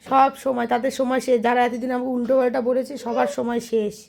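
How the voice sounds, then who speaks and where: A woman's voice: on the high side, level tone, fast, creaky, darkish tone. A young woman, chatting to viewers at home in a casual vlog and scolding her child. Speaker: vlogger. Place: home, indoors.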